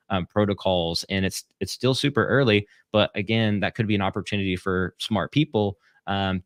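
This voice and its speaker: A male guest talks loosely and at length, circling his points with ums and "you know". His voice sits on the low side. The sound is dry and close to the mic. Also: a bit bright, no room sound. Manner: rambling, hesitant with many fillers. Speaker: guest, content creator. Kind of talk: casual interview chat.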